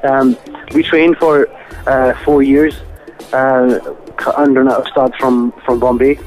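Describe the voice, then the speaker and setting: A Scottish man with a mid-pitched voice chats as a guest on a phone interview. He answers thoughtfully and haltingly, searching for his words, with faint music behind him. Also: flat delivery, darkish tone, low-quality recording. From Scotland. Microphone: phone line.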